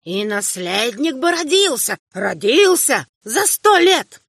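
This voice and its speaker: A woman voicing an old, half-blind male emperor who rants and shouts in a quavering old man's voice, reading an audiobook. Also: high voice, very animated, slightly rough, dry recording, studio quality, voice pushed up, exaggerated voice. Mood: bitter lament. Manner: ranting, shouting, drawn-out curses. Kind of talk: audiobook character voice.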